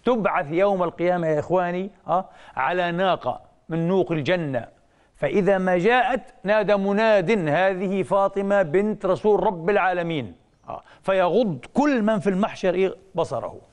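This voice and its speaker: Male preacher, quick delivery, slightly high voice, dramatic rises and whispers, rhetorical questions. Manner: emotive storytelling with sudden rises and hushed drops; rhetorical questions he answers himself. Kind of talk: religious lecture.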